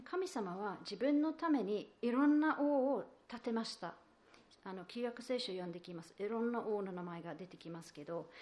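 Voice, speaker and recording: A woman's voice: medium pitch, a little mellow. A woman preaching a sermon, explaining patiently and asking the listeners questions, with many fillers and restarts. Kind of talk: sermon on a psalm.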